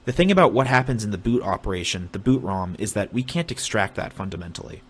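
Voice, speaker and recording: A young man casually explaining a technical topic on a stream, halting with restarts as he draws diagrams. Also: lowish voice, expressive. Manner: halting, many fillers and restarts while drawing. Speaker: streamer explaining hardware hacking.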